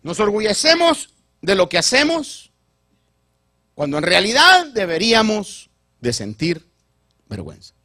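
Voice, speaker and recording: A male pastor giving a sermon, animated and repeating words while he builds each point. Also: sits high, unhurried, pauses often, no room sound, clean studio sound.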